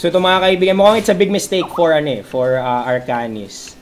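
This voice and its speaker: A man with a Filipino accent calling an esports match, swinging from calm analysis to excited shouts and voicing the players' lines. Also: a little high, brisk, a little hiss or hum. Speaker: esports commentator. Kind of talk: play-by-play game commentary.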